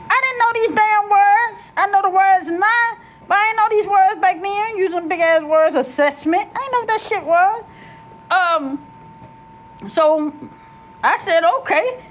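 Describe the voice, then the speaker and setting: A middle-aged woman telling her life story in a casual, animated, slangy way, often searching for words. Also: very high-pitched, slight background noise.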